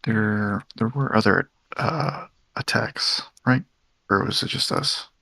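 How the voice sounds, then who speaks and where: A man's voice: fairly low pitch, slow, creaky, sharp tone, breathy edge, dry recording. A man chatting casually as a player in a tabletop game and asking questions. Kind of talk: casual chat.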